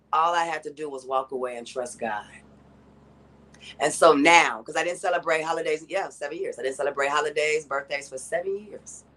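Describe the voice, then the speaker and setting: A woman's voice: deep voice, a bit bright. A woman hosting her own podcast alone, talking loosely and earnestly straight to her listeners, with plenty of faith and encouragement. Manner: loose and conversational, self-correcting. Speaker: podcast host. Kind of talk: heartfelt solo podcast monologue.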